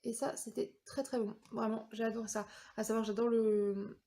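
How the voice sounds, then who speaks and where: A woman's voice: a little high, little pitch movement, normal speed, dark tone. A woman in her thirties from France, chatting casually through a product review vlog with many fillers and hesitations. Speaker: vlogger.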